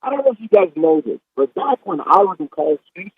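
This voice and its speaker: A man's voice: high-pitched, fast, breathy edge, no room sound, exaggerated voice. A man calling in and playing a brash, defensive male monkey, heard over a distorted, fuzzy phone line with the phone held too close. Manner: defensive, rambling, excitable. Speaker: caller.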